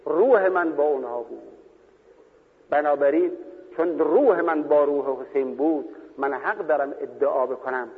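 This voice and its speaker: A man delivers a sermon, telling the story and breaking into loud, impassioned cries at its high points. His voice sits somewhat high. It comes through a thin, phone-like old radio broadcast with a long reverb trailing behind it. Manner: rises to loud impassioned cries when quoting. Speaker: preacher.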